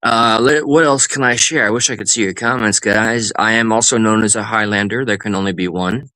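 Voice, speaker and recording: A man's voice: on the low side, fairly quick, pushed and bright, no echo. A man co-hosting a live stream, riffing in goofy mock-serious banter and playful fake outrage. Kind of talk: joking improvised banter.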